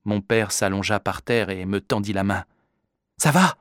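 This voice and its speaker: A man reading a first-person story aloud in a measured, vivid narrating voice. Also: fairly low pitch, flat delivery, clean tone, no room sound, studio quality. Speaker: audiobook reader. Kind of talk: scripted narration.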